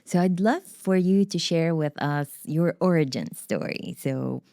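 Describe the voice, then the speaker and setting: A woman hosting a podcast interview, her voice pitched low with a mellow, darker tone. She talks earnestly and often pauses with fillers as she introduces her guest. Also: creaky. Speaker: podcast host.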